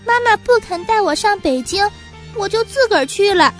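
A woman's voice: extremely high pitch, animated, normal speed, a bit bright, faint music behind, voice pushed up. A woman voicing a brave, eager little boy pigeon in a children's story. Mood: earnest. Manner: eager, stammering when caught.

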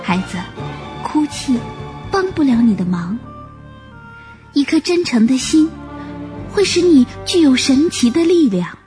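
A woman voicing a kind, wise mother antelope who speaks softly and reassuringly. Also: high-pitched, animated, a little slow, long pauses, soft background music. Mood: kind, soothing. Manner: warm, soothing, reassuring.

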